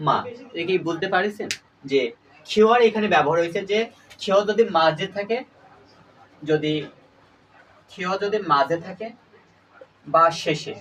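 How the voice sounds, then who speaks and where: A man's voice: high voice, a bit bright. A man teaching a lesson to his students, who repeats each point and quizzes his listeners. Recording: voice a little far from the mic, faint room noise.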